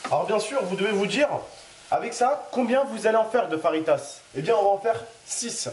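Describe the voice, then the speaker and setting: A man's voice: high-pitched, a little fast. A man hosting a casual cooking demonstration, chatty and joking as he talks straight to the viewers, with a pan sizzling. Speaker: cooking video host. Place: home kitchen. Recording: roomy kitchen with frying noise.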